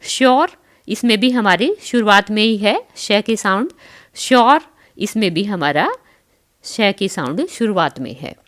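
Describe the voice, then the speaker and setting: In an online school English lesson, a woman teacher with a mid-range, very animated voice spells words letter by letter and pronounces each carefully. She reads English lines slowly, then explains them in Hindi, addressing her pupils as children.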